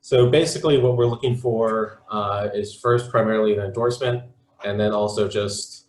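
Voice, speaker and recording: A man's voice: lowish voice, darkish tone, echoey room, poor audio. A man speaking as a campaign representative on a video call, rambling and hesitant with many fillers. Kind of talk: casual spoken pitch at an online forum.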